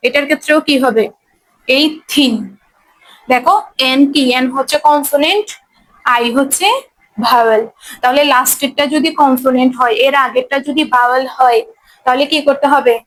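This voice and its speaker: High-voiced woman teaching grammar. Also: fairly bright tone, rough recording. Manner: explains step by step, often asking students if they follow. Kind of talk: classroom lesson at a board.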